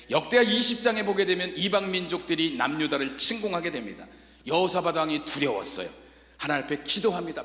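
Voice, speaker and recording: A male pastor preaching a revival sermon, telling stories dramatically and swinging from hushed tones to shouts. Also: high-pitched. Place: large church sanctuary. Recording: echoey church hall reverb.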